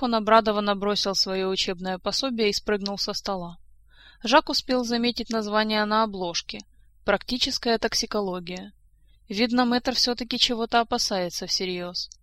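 Женщина ровно читает сказку. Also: female voice, mid-range voice, a bit bright, dry recording. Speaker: audiobook reader. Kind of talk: scripted narration.

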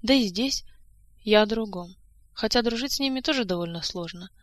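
Guarded young court lady, read by a woman, low-key and confiding, dry close studio sound. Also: fairly quick, dry recording, natural voice. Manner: confiding, cautionary.

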